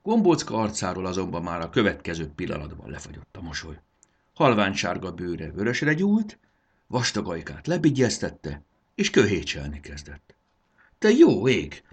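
A man narrating a children's story in an expressive storytelling manner. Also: low-pitched, husky.

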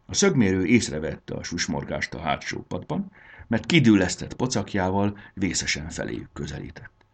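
A man reading a children's storybook aloud as narrator, with a gravelly voice. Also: sits low, big pitch swings.

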